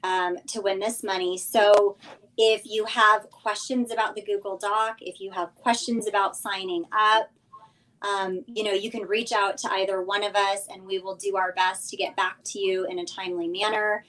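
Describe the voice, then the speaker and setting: A woman's voice: mid-range voice, level tone, moderate pace, a bit bright, poor audio. Woman coach on a live stream, casual announcement style, walking folks through details and nudging them to act. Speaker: business coach, guest sponsor. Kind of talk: informal livestream announcement. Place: remote live video stream.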